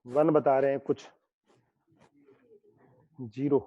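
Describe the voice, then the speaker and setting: A man's voice: mid-range voice, flat delivery, slow, phone-quality sound. A man teaching chemistry in an online lecture, joking and teasing his students by name and explaining with playful analogies.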